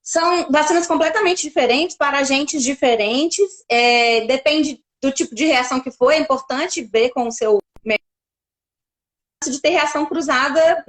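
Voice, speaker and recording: Brazilian woman doctor, high voice, patient and explanatory, restarts a lot. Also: normal speed. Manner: explains carefully, with many fillers and restarts. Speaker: pediatric doctor. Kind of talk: casual explanatory interview.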